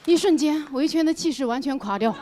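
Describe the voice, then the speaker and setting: Woman stand-up comic with a high voice and an animated delivery, in a noisy live stage recording. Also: fairly quick, a crowd in the background. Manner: animated storytelling, acts out dialogue. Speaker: stand-up comedian. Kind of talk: stand-up comedy storytelling.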